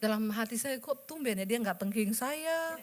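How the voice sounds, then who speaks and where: A woman's voice: on the high side, lively intonation, normal speed. A woman pastor preaching a sermon, telling a personal story and acting out the dialogue while speaking straight to her congregation. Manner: addresses the congregation directly.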